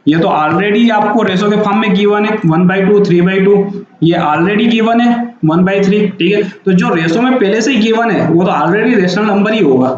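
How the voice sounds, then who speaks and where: A man's voice: high voice, normal speed, few pauses, slight background noise. A man teaching a maths lesson, explaining patiently and repeating each point with frequent checks. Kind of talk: classroom-style math lecture. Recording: very echoey, dull lo-fi room sound.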